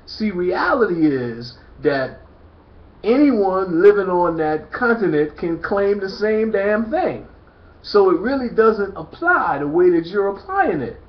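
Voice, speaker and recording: A man delivers an emphatic monologue, hammering rhetorical questions at the listener. His voice sits somewhat high. The recording is lo-fi and muffled, in a roomy echo. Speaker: commentator. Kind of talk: preachy monologue to camera. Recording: echoey, dull lo-fi recording.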